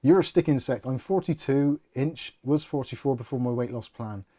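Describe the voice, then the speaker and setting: A middle-aged man from the United Kingdom hosts a casual tech channel livestream, rambling, joking and poking fun at himself as he reads viewer comments. His voice is mellow and medium-pitched, at a moderate pace.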